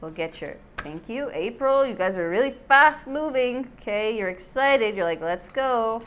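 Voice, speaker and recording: A woman's voice: on the high side, lively intonation, unhurried, fairly bright tone, a little hiss or hum. A woman hosting a casual, chatty tarot reading to camera, speaking to her viewers in an effusive, affectionate way. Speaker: tarot reader, channel host.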